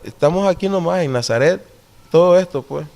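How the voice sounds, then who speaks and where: A slightly high, darkish male voice with vocal fry belongs to an interviewee with a Spanish accent from Nicaragua's Caribbean coast. He explains deliberately and often checks in with quick tag questions for agreement.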